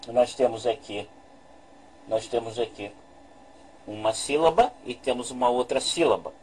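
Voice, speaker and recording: A man giving a slow, deliberate lesson, repeating his points and pausing over each one as he talks over a screen recording. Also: mid-range voice, breathy edge, rough recording. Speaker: religious language teacher.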